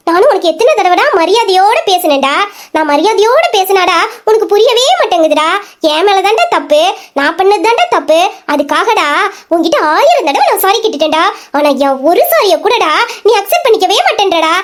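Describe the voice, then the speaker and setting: A woman's voice: extremely high pitch, very animated, brisk. A woman voicing a young wife in an audio drama, pleading with her angry husband and then taunting him. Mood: defiant, taunting. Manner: pleading, defiant. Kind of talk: Tamil audio drama acting.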